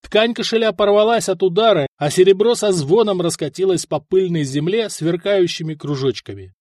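A man narrating historical fiction as an audiobook, with expressive, dramatic storytelling. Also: high voice, normal speed, dry recording, studio quality.

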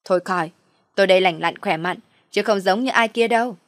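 A woman's voice: medium pitch, a little fast, no room sound, studio quality, lightly acted. Woman voicing a scornful spoiled young wife. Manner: scornful, snappy retorts. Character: sharp-tongued spoiled pregnant young wife.

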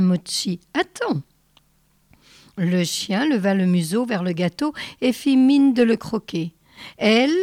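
A woman reading a short story aloud in a measured narrating voice with careful pauses. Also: a little high, darkish tone, no echo, clean studio sound. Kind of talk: read-aloud literary narration.

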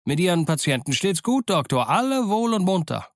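A man's voice: sing-song, moderate pace, dry recording, studio quality. A man voicing a jovial, crafty one-legged old pirate cook who chatters cheerfully in a raised voice. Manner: cheery, chattering, high and bright.

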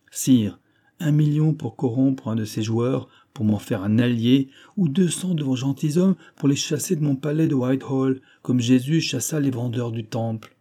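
A man's voice: medium pitch, mellow. Man reading as an exiled king, pleading. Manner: solemn, earnest pleading. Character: exiled young king, desperate, pleading, proud.

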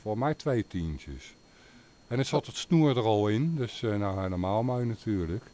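A man's voice: fairly low pitch, animated, normal speed, mellow. A man hosting a radio call-in show, chatting casually about his equipment with fillers. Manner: chatty, talks gear at length with fillers. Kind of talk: casual on-air chat.

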